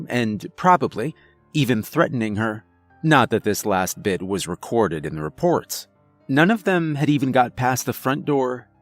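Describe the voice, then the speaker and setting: A man reading a scary story aloud in a measured, dramatic way. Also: medium pitch, no echo. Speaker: narrator. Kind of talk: scripted horror narration.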